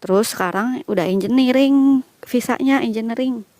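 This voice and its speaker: A woman's voice: on the high side, normal speed, a little mellow, dry recording. A young Indonesian woman chatting casually as she walks outdoors and answers viewers' questions. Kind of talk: casual chat while walking. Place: outdoors walking through a quiet village.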